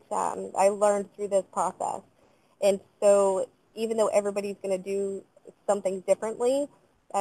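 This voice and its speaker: A woman in her thirties speaks as a business-owner panelist on a video call, her pitch staying level and even. She talks in a measured, thoughtful way, pausing on ums and uhs. The sound is dry and close. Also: no room sound, poor audio. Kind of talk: panel discussion answers. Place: outdoors in front of trees. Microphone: webcam on a video call.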